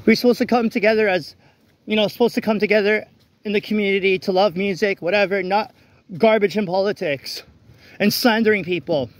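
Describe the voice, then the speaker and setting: A man with a high-pitched, fairly quick voice rants bluntly in a walk-and-talk vlog, recorded on a phone he holds as he walks a rain-wet city street at night. He restarts often, and there's a little hiss or hum on the audio.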